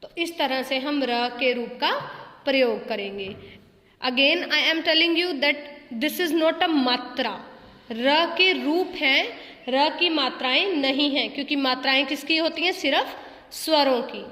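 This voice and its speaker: A woman's voice: sits high, slow pace, sharp tone. A woman teaching a grammar lesson, explaining patiently with repeated questions, mixing phrases into her talk and stretching out example words. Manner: mixes English phrases into Hindi. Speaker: school teacher. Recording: echoey room with long reverb.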